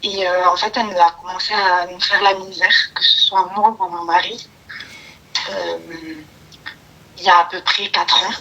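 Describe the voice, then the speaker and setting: A woman calling in to a live show, talking hesitantly with many pauses. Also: fairly low pitch, level tone, pushed and bright. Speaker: caller. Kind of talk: phone call to a live show. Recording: phone line with clicks.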